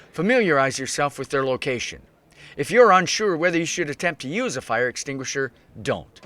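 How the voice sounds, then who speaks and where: A man narrates a scripted instructional piece. His voice sits a little higher than most men's. The delivery is measured and instructive throughout. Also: fairly bright tone, no room sound, clean studio sound. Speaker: safety video narrator.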